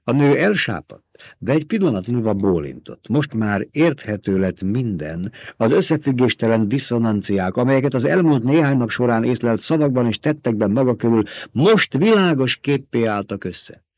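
A man narrating an audiobook with an expressive, dramatic reading. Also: medium pitch, no room sound.

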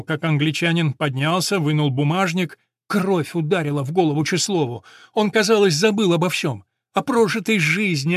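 A man narrating a story in a measured, expressive audiobook reading. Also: fairly high pitch, dry recording, clean studio sound.

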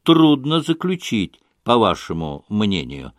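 An indignant young officer at a duel, as a male audiobook reader gives him voice. The pitch rises and falls in lively swings, and the lines are spoken slowly and deliberately. The recording is dry and close. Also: no echo. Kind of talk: audiobook reading.

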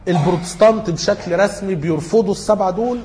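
A man's voice: high-pitched, fast, darkish tone, slight background noise. A man with an Egyptian Arabic accent giving an informal lecture, working through study questions and thinking aloud as he corrects himself.

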